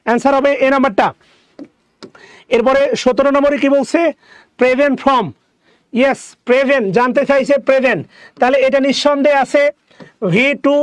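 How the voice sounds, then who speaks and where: A man teaching a grammar lesson, explaining answers and repeating each word slowly for his students. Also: very high voice, no echo.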